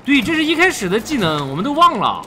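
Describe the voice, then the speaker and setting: A middle-aged man giving excitable, casual commentary during co-op gameplay, repeating words in quick bursts. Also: very high voice, a little hiss or hum. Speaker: gamer. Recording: game sound effects and gunfire behind.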